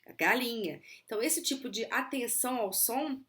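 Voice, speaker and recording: A Brazilian Portuguese woman explaining auditory attention exercises for children in a clear, teacherly way, slowing down to model words. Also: a little high, expressive, fairly bright tone. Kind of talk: explanatory video lesson.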